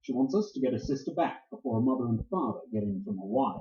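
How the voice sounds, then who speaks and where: A man acts a hard-boiled private eye who narrates and banters in a 1940s-style radio play. His delivery is dry and sardonic, and his pitch swings widely over a mellow tone. The recording sounds roomy and slightly dull. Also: animated, fast talker, natural voice. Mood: wry narration. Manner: dry, sardonic, clipped tough-guy talk. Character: hard-boiled, wisecracking male private detective.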